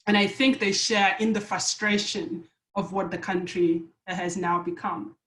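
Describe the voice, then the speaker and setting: Woman from South Sudan, earnest panel remarks, halting restarts, middle pitch, roomy video-call sound. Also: fairly even intonation, a bit bright. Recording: echoey room on a video call.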